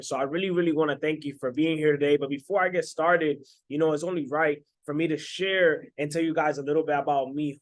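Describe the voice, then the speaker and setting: A young man in his twenties, from the Dominican Republic, talking straight to his viewers as a self-made coach. His voice sits a little high, and he keeps up a pumped, salesy energy, checking in with a quick "right?" after his points. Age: 20s. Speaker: online business coach. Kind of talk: motivational sales pitch to camera.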